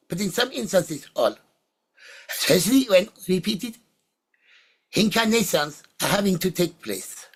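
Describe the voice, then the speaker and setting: A husky voice of ambiguous sex, mid-pitched, speaks as a seance medium channelling spirits. The phrasing is halting and deliberate, breaking into short oracular fragments as answers are given in trance.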